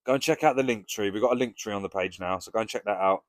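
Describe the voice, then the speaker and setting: A man's voice: lowish voice, fast talker, dry recording, studio quality. A British man talking casually and frankly to camera as a vlogger, with plenty of swearing. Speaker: recovery vlogger.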